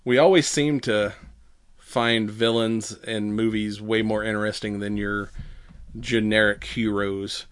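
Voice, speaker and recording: A man co-hosting a podcast in casual chat, halting and conversational, with some swearing. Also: lowish voice, steady tone, smooth. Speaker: podcast co-host.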